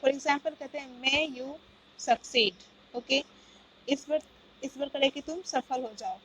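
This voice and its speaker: A woman's voice: high voice, slight background noise, poor audio. A woman teaching a grammar lesson, explaining step by step and often checking with "okay, got it?". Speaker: English teacher.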